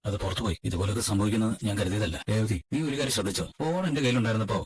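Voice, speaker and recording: A man dubbing an earnest, worried elder brother figure who talks fast and persuasively. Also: lowish voice, slight background noise, lightly acted. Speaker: dub voice actor. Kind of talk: fan dub of a TV serial.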